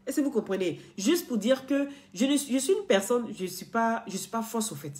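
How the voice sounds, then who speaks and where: A woman's voice: a little high, big pitch swings, moderate pace, a little mellow. A woman blogger talking straight to her followers in an earnest, lecturing way, repeating herself and restarting often. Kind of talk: casual direct-to-camera talk.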